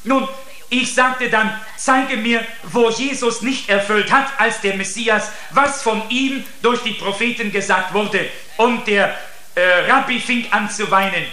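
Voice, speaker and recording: A man's voice: high-pitched, measured pace, pushed and bright. A man preaching a sermon in an earnest way, often turning to his listeners to make them look. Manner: earnest, addresses listeners with repeated "seht". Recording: echoey room.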